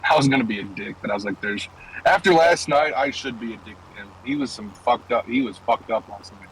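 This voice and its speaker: A man's voice: lowish voice, quick pace, fairly bright tone, a little hiss or hum, rough recording. A young man streaming and chatting loosely from his car, rambling through stories with plenty of swearing. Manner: loose, profane, rambling storytelling. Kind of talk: casual chat while gaming and driving.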